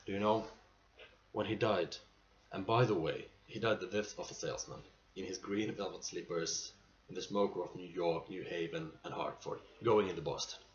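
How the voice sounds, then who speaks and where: Man acting low-voiced aging salesman in monologue. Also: normal speed, natural voice. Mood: wistful reverence. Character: aging male salesman, nostalgic, pleading, weary pride. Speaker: actor performing a monologue. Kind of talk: dramatic stage monologue. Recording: muffled amateur recording with clear background noise.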